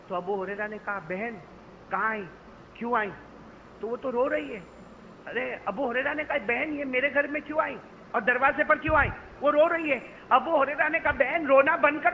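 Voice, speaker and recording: A man delivers a dramatic storytelling sermon, playing out each voice. His voice swings from hushed to shouted. It rings through a large hall with a long tail of reverb on a dull, lo-fi recording with a faint hiss. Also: high-pitched. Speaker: preacher.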